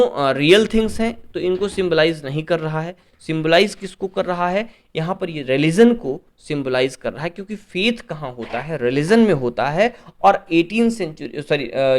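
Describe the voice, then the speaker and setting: Higher-pitched man tutoring an English exam paper. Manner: reads questions slowly, then explains in Hindi with frequent checks; corrects himself often. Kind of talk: exam paper solution lesson.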